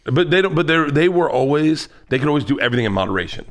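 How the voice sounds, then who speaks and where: A man's voice: a little high, expressive, very fast. A man hosting a comedy podcast, telling stories in a casual, profane, joking way. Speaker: podcast host.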